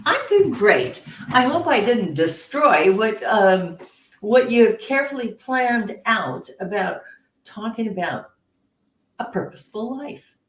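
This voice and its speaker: A woman hosting a podcast interview, chatty and animated, with playful asides. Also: fairly high pitch, slow pace. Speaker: podcast host. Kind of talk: casual interview talk. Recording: roomy echo.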